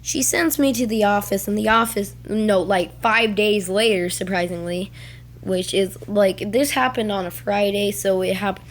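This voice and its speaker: A young person telling a rambling school story while playing a game, acting out other people's lines in bursts. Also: female voice, medium pitch, moderate pace. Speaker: gaming vlogger. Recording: noisy game capture with clicks.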